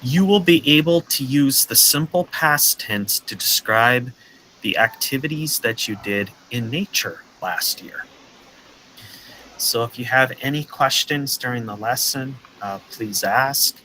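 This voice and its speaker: A man from the teaching a beginner English class over a video call, patient and clear, with a friendly welcoming manner. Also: mid-range voice, unhurried, pushed and bright, slight background noise, rough recording. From United States, Minnesota. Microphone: video call headset or webcam mic.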